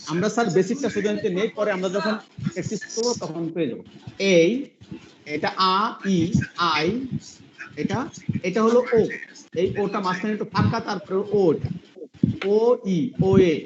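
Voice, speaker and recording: A man's voice: sits high, lo-fi sound, background noise. A man teaching English pronunciation in an online class, patient and repetitive, often quizzing the listeners. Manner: patient, repeats sounds slowly, asks the class questions.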